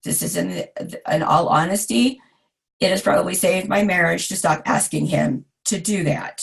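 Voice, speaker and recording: Hoarse, gravelly woman teaching a class. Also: on the low side. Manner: chatty, self-deprecating asides. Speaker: design instructor. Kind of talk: recorded online lecture.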